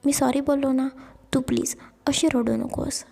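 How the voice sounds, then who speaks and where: A woman's voice: high voice, level tone, moderate pace, vocal fry, warm tone. A woman voicing a flustered young man who snaps, then apologizes. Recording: long echo, hall-like reverb.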